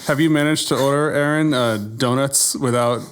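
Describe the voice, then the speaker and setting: A man's voice: mid-range voice, moderate pace, smooth. A man co-hosting a film podcast, steering a casual chat with enthusiastic questions. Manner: enthusiastic, drives the talk with questions. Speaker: podcast co-host leading the questions.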